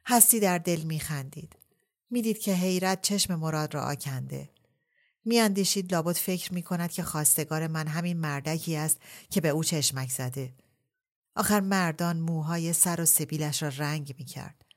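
A woman narrating a novel in a calm, measured storytelling manner. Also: sits low.

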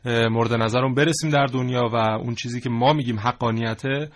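A man hosting a studio discussion, speaking haltingly with many pauses. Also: medium pitch, fairly even intonation. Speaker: host.

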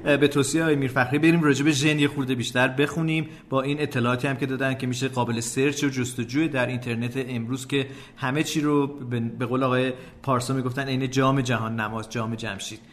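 A man's voice: medium pitch, fairly even intonation. A man hosting a podcast, politely prompting his guest with short acknowledgements. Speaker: podcast host. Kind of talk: casual interview chat.

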